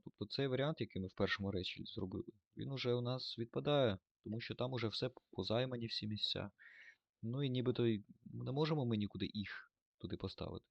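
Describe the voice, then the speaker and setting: A man's voice: fairly low pitch, creaky, no echo, highs cut off. A man teaching German grammar in a lesson, thinking aloud with fillers and self-corrections.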